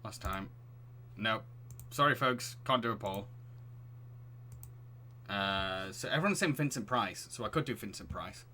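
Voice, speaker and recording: Chatty bright-voiced man streaming a game. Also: on the low side, lively intonation, a little slow, pauses often, slight background noise. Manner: chatty, restless, laughs often. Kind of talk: live-streamed game play with reading aloud.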